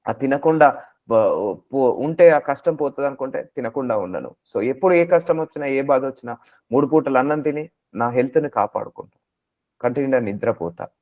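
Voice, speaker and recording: A man's voice: mid-range voice, lively intonation, moderate pace, darkish tone, highs cut off. A man preaching a sermon, exhorting listeners with repeated phrases and English mixed in.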